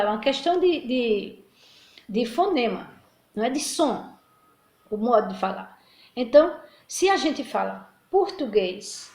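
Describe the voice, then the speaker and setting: Middle-aged woman teacher from Brazil, slightly high voice, chatty and repetitive, echoey room. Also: darkish tone. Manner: chatty, repeats words and restarts often. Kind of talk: casual recorded lesson.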